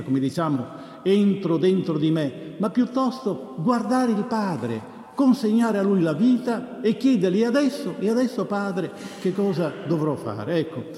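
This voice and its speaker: A priest reading the Gospel slowly and solemnly at Mass, then preaching in a conversational way with small hesitations. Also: male voice, on the high side, dark tone. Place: church. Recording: echoey church with long reverb.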